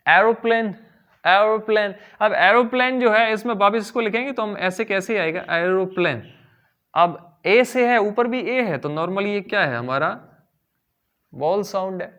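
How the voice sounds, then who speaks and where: Indian guy teaching grammar, high voice, keeps asking the class stuff, stretches out the english bits slow. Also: fairly bright tone. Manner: explains step by step, asks the class questions and answers them; drawls English phrases slowly for emphasis. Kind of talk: classroom lesson in Hindi mixed with English.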